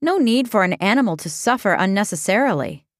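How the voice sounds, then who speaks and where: A woman's voice: mid-range voice, animated, fairly quick, no room sound, studio quality, natural voice. A woman voicing a young woman sleuth, anxious and curious, speaking in a tense, breathless way. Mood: uneasy.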